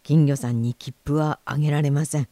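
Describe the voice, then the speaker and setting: A woman playing a formal, stiff male station attendant who speaks in a measured way. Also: deep voice, fairly even intonation, dark tone, no room sound, pitched below the performer's own voice, lightly acted. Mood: stern.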